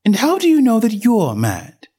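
A prim, curious little storybook girl, put on by a man with a raised, questioning voice. Her pitch leaps about brightly, earnest and proper. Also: huge pitch swings, moderate pace, husky, heavily acted.

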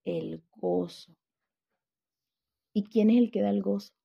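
A woman's voice: medium pitch, little pitch movement, quick pace, vocal fry, breathy edge, highs cut off. A woman teaching a Bible lesson, telling stories and putting questions to her class.

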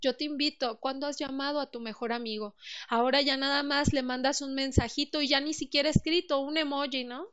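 A woman with a Mexican accent gives an earnest motivational talk on emotional wellbeing, asking the listener direct questions. Her voice sits high and fairly bright, with a steady tone and a brisk pace. The recording's highs are cut off.

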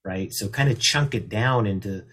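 A man as a guest expert on a radio talk show, explaining leadership in a measured way and slowing down to stress key terms. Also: lowish voice, a bit bright.

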